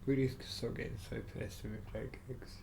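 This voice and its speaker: A man's voice: mid-range voice, little pitch movement, fairly quick, creaky, darkish tone, a little hiss or hum. A man, a podcast guest, telling rambling anecdotes in casual chat. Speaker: podcast guest, business owner and guitarist. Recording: roomy echo.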